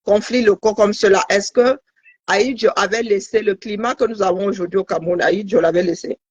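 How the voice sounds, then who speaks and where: Guy doing an interview, calm, keeps asking questions, dry muffled sound. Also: high-pitched, brisk, husky, no room sound. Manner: calm, questioning, talks over the guest.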